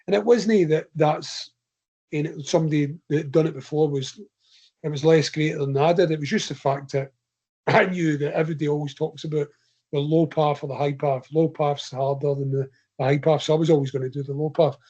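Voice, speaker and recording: A man's voice: fairly high pitch, fairly even intonation, a little fast, warm tone, muffled recording. Chatty Scottish man telling a long story. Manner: long rambling anecdotes told in his own voice. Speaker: guest ultra runner. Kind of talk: casual podcast interview.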